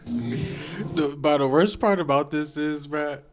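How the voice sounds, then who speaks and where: Slow, slangy man reacting on stream. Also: a little high, a crowd in the background. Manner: loose slangy drawl, frequent "bruh" and "like". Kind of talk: casual reaction commentary.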